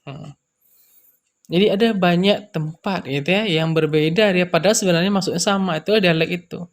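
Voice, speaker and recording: A man teaching language terms in an unhurried lecture, repeating example words and pausing with frequent fillers. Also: sits high. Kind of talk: explanatory lecture.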